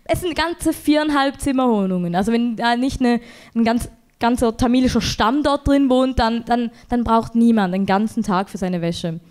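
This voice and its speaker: A woman's voice: a little mellow, clear, resonant tone. A young woman performing a rambling, self-deprecating stand-up set on a comedy club stage. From Switzerland. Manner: rambling, self-deprecating, quick jumps in pitch when exasperated.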